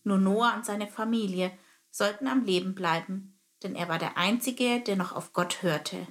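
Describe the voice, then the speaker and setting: A woman narrating a children's story in a calm, even reading voice. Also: mid-range voice, normal speed.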